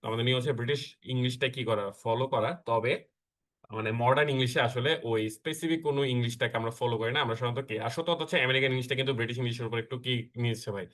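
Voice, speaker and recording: A man's voice: medium pitch, quick pace. A man from Bangladesh teaching an English grammar class online, who mixes in English phrases and keeps checking in with his students. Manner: checks in with the class after nearly every point; addresses students warmly as brother.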